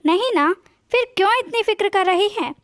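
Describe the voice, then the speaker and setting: A woman's voice: very high voice, expressive, normal speed, no room sound, studio quality. A woman voicing a scheming middle-aged mother of a bride who talks in a sly, soothing way.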